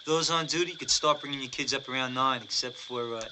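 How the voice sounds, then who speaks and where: A man's voice: mid-range voice, fairly quick, noisy background, lightly acted. A man playing a teasing head counselor. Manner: breezy, teasing, laughs while talking. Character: cheerful joking male head counselor. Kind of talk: 1980s horror film acting.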